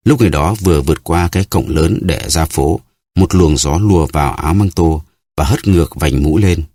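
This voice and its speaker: A man narrating an audiobook novel in a steady storytelling manner. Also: a bass voice, normal speed, dry recording, clean studio sound. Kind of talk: scripted narration.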